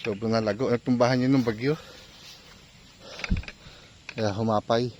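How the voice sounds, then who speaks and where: A man casually narrating to viewers while clearing cassava plants on his farm, often asking them "right?" and sometimes out of breath. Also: medium pitch, fairly even intonation, moderate pace, a little mellow, highs cut off, a little hiss or hum. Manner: chatty, talks to viewers while working, often asks "di ba?". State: out of breath at times. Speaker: farm vlogger. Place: outdoors on a farm field.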